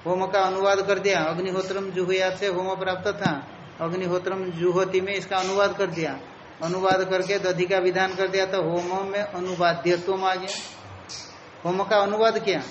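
High-voiced man teaching in an echoey room. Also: little pitch movement, normal speed, dull audio, a little hiss or hum. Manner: explains step by step, repeating key terms. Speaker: Sanskrit teacher. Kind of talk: lecture on Sanskrit philosophy.

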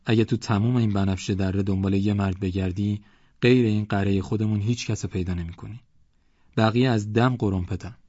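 A man voicing a loud, boastful village man who mocks and rants. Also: on the low side, fairly even intonation, dry recording, lightly acted. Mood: blustering. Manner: mocking, blustering, rambling complaints. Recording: dull lo-fi audiobook recording.

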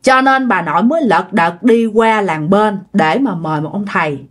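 Speaking at a normal speed in a medium-pitched voice, this Southern Vietnamese woman shares a ghost story. Her delivery is relaxed and talkative, aimed straight at the people listening.

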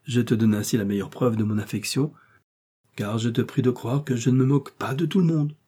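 A man voicing a witty, ironic gentleman friend who teases in a light, mocking way. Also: mid-range voice, steady tone, fairly quick, husky, lightly acted. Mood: teasing. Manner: teasing, ironic.

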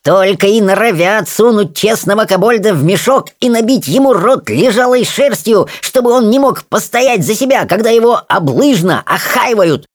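A man voicing a small, theatrical male kobold who squeals melodramatic, outraged protests in a shrill voice. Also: very animated, unhurried, fairly bright tone, dry recording, studio quality, exaggerated voice.

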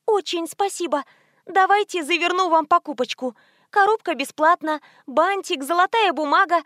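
A woman voicing a chatty, frightened young female shop assistant in an audiobook, talking in a high, eager flutter. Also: moderate pace, a bit bright, no echo, clean studio sound. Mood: nervously eager. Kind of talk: audiobook reading.

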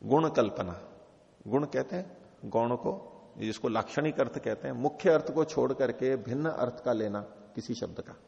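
A man's voice: medium pitch, moderate pace, vocal fry, dark tone. A man teaching scripture, explaining patiently with repeated rephrasing and worked examples. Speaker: teacher of philosophy. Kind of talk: scripture lecture. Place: teaching hall of a religious retreat. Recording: dull, echoey hall recording.

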